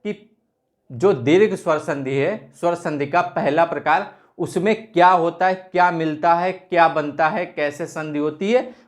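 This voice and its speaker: Guy teaching grammar at the board, voice sits a bit high, keeps asking and answering his own questions. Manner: repeats rhetorical questions and answers them; draws out vowels in example words. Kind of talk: whiteboard grammar lesson.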